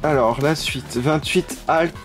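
Over background music, a toy vlogger talks slowly through an unboxing in a fairly high voice. His casual commentary gushes, full of delighted exclamations.

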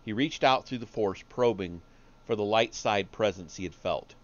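A man reading a story aloud on a live stream, steady but with small slips and restarts. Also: lowish voice, normal speed, highs cut off.

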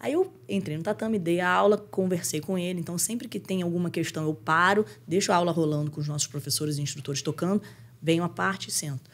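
A middle-aged Brazilian woman, a podcast guest, telling stories in an animated way and acting out the voices of others. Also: fairly low pitch, fast talker. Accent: Brazilian Portuguese. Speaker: guest, jiu-jitsu champion and school owner. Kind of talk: conversational interview.

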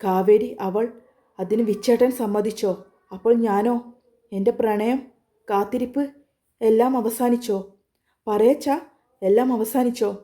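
A woman storyteller voicing a young woman deeply in love, speaking in a pleading, emotional way. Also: steady tone, moderate pace, dark tone, lightly acted. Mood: desperate.

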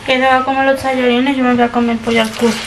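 Talking fast in a high, flat voice, a young woman rambles casually to the camera about the chores she's doing in her small home kitchen. She's a family vlogger, and background noise can be heard.

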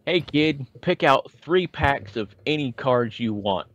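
A man's voice: medium pitch, expressive, slow pace, voice pushed up. A man voicing a friendly adult man at a card shop counter in an offhand, generous tone. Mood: breezy.

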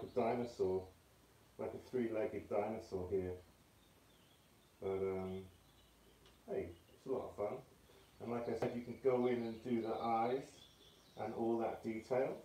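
A man teaching a casual art tutorial indoors, talking in a relaxed, offhand, self-deprecating way through a respirator mask that muffles his voice. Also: mid-range voice. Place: indoor studio room. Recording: roomy, mic at a distance.

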